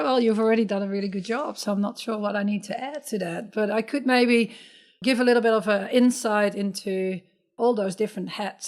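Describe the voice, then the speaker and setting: Middle-aged dutch woman chatting on a podcast, earnest, kinda reflective, mid-range voice. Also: mid-range voice. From Netherlands. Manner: earnest, reflective, with light laughs and restarts. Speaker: podcast guest, sustainability entrepreneur. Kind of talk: conversational interview storytelling.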